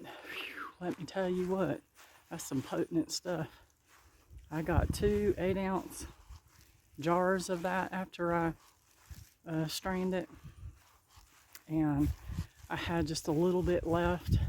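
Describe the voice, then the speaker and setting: A gardening vlogger works outdoors in her garden, chatting to viewers in a folksy, laughing way and sounding a little out of breath. Her voice is on the low side with a dark tone, and there's slight background noise behind this casual narration.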